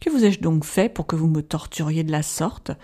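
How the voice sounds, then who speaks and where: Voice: medium pitch, moderate pace, mellow, close to an everyday voice. A reader voicing a proud young lord in an audiobook, heated and indignant. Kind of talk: audiobook narration.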